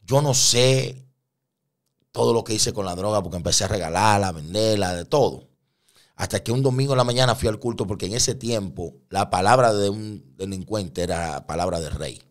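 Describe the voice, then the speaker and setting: A low-voiced man tells his conversion testimony as an interview guest. He is a vivid storyteller who slips into the voices of the people in his story. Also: normal speed.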